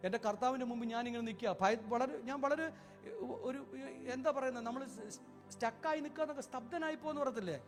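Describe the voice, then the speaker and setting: A man from Kerala preaching a sermon as an evangelist, telling a story fervently and swelling to loud cries. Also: extremely high pitch, quick pace, over music. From Kerala, India.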